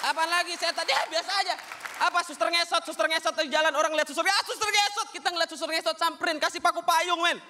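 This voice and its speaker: A young man doing a stand-up comedy set, telling stories in an animated, slangy way and acting out characters. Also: very high voice, fast, crowd noise, noisy background. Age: young adult.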